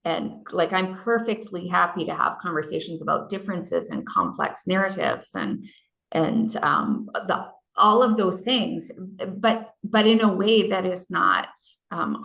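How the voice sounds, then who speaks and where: A woman's voice: lowish voice, big pitch swings, unhurried, creaky, fairly bright tone. A woman in a workshop discussion on a video call, speaking earnestly and with frustration and acting out quoted remarks. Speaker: workshop participant. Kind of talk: candid discussion.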